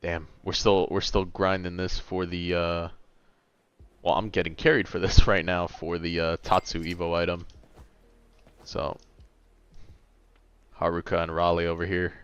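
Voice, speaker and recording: A man's voice: sits low, completely flat delivery, unhurried, long pauses, clear, resonant tone, no room sound, dull audio. A man in his late twenties chatting casually on a gaming livestream, laid-back and a bit tired, rambling as he answers chat. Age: late 20s.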